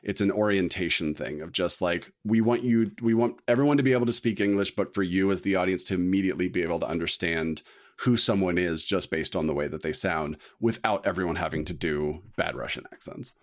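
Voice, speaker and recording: Deep-voiced man talking films, rambling. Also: a little fast. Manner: rambling, many restarts and fillers. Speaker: podcast co-host. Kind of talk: casual film discussion.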